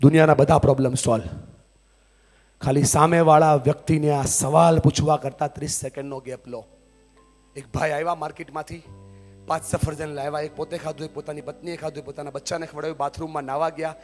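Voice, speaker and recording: A man's voice: a little high, little pitch movement, fast, darkish tone, faint music behind. A man giving a live motivational talk, leading the audience in call-and-response and pressing them to answer yes or no. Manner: call-and-response, repeatedly asks the crowd yes or no; commanding, has the audience repeat lines aloud. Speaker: motivational speaker. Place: large hall with a live audience. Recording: long hall reverb.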